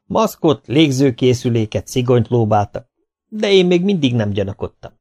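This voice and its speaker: A man reading a first-person humorous memoir as an audiobook, lively and expressive. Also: mid-range voice. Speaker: audiobook reader. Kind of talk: scripted first-person narration.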